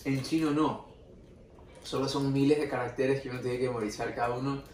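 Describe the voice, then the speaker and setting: Relaxed young man in a roomy space. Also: mid-range voice, a little fast. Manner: relaxed, explains patiently with examples. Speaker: musician guest. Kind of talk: casual interview chat. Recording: roomy, distant mic with faint noise.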